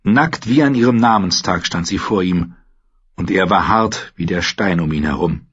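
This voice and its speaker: A man reading an audiobook in a steady, measured narration, on a dull lo-fi recording. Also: low voice, husky.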